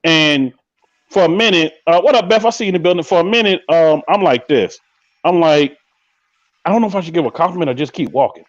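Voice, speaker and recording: A man hosting a live podcast, chatting casually and telling stories in a slangy, animated way, acting out quoted lines. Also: a little high, fairly quick, dry recording, muffled recording. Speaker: podcast host. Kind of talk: casual live-stream chat.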